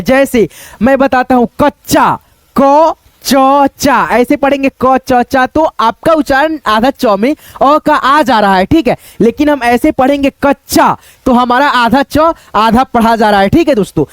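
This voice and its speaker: High-voiced man teaching Hindi spelling. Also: no room sound. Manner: sounds out syllables slowly, repeats words, says "thik hai" and "doston" often. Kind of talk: step-by-step spelling lesson.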